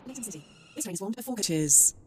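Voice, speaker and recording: A woman's voice: medium pitch, expressive, fast. Echoing station PA announcer, woman. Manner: formal, clipped announcer phrasing. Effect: over a station PA system. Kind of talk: recorded platform announcements. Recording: echoey station PA with faint noise.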